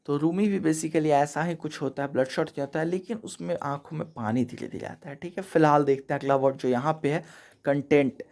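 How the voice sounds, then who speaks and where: Guy from india doing a relaxed english word lesson, talks it through step by step, keeps saying theek hai. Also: on the high side, a little fast. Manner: chatty, explanatory, often ends points with "theek hai". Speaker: English teacher. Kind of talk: casual vocabulary lesson over slides.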